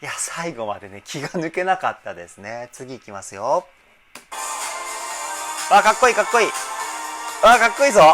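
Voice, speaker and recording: A vocal coach, male and mid-range in pitch, talks through a music video's singing in a casual, eager manner. He punctuates his explanation with bursts of excitement.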